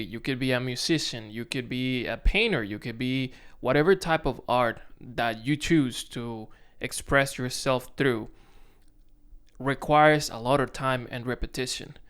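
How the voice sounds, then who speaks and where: A young content creator from the Dominican Republic talks to a camera on a tripod in a smooth, somewhat bright, medium-pitched voice with a Dominican Spanish accent. He sounds casual but self-conscious and keeps restarting.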